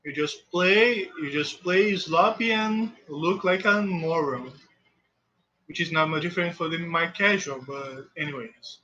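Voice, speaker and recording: A native Portuguese speaker with a Portuguese accent commentates his own speedrun live in halting English, often restarting mid-phrase. His voice is on the high side, bright and forceful, and the recording sounds muffled.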